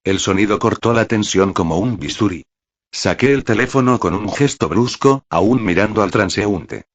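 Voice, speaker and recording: A man narrating a story in the first person, in a steady, dramatic way. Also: lowish voice, moderate pace.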